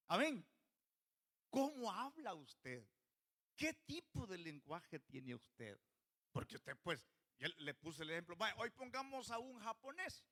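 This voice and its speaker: A pastor preaches a church sermon in a high, bright voice, constantly putting questions to the congregation. His tone is sharp and forward.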